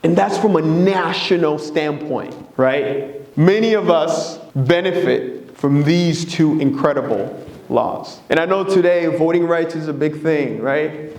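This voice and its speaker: Man, somewhat high voice, earnest presenter, roomy echo. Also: a little slow, a little mellow. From Democratic Republic of Congo. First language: Swahili, Lingala and French. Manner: earnest, engaging, often checking in with "right?". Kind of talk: presentation to an audience.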